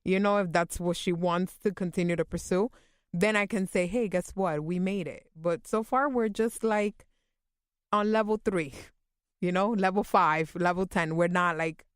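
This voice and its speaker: A woman's voice: fairly low pitch, moderate pace, clear, resonant tone, no room sound, studio quality. A woman from New York, a guest mother on a podcast, talking candidly and chattily with many restarts. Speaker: guest, mother of a child actress. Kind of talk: casual interview.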